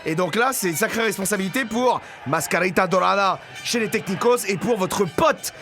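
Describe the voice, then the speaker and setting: A man's voice: high-pitched, normal speed, a bit bright, faint music behind. A man co-commentating as a lucha libre announcer, enthusiastic and good-humored, explaining in a conversational way. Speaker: wrestling co-commentator.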